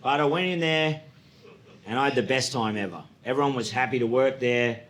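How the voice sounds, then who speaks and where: A man in his late thirties with an Australian accent, telling stories in a stand-up comedy set and acting out high, excited voices. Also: fairly quick. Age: 30s. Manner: storytelling, acts out voices with sudden high excited jumps. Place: comedy club stage. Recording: echoey club room with audience.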